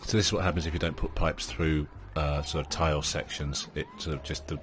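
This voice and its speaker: A man with an extremely deep, low voice talks his way through a game in a loose, rambling style. He fills his pauses with ums and uhs and chats to his on-screen characters. Quiet game music plays faintly under him. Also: steady tone. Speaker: gaming channel host. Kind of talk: let's play commentary.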